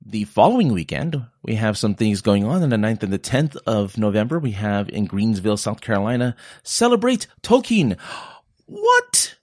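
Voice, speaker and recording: A man's voice: fairly low pitch, animated, brisk, few pauses, a little mellow, dry recording, clean studio sound. A young man hosting a podcast, reading out a list of upcoming events in a chatty, joking way and tripping over place names now and then. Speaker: podcast host.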